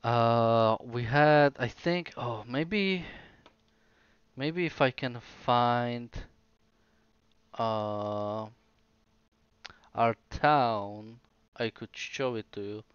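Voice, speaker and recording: A man's voice: mid-range voice, very slow, pauses often, clear, resonant tone, no echo, highs cut off. A sleepy young man who is losing his voice, chatting casually on a live stream, rambling and hesitant with many fillers and restarts.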